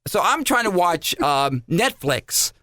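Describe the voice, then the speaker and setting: A man's voice: sits high, sing-song, slow, pushed and bright, dry recording. A man co-hosting a podcast, telling a hotel story in casual chat with self-deprecating jokes. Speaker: podcast co-host.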